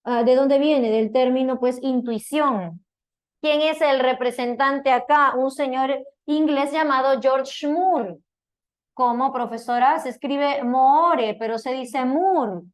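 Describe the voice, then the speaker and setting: A high-voiced woman gives a philosophy lecture in a classroom. She talks in a chatty, loose way and keeps checking in with her students through tag questions. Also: fairly even intonation, slow. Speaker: philosophy teacher.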